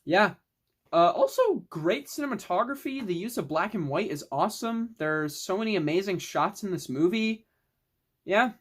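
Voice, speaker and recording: Young adult, casual film review vlog, rambling, enthusiastic, mild swearing, middle pitch. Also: lively intonation, moderate pace, a bit bright, slightly rough. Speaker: film collector vlogger.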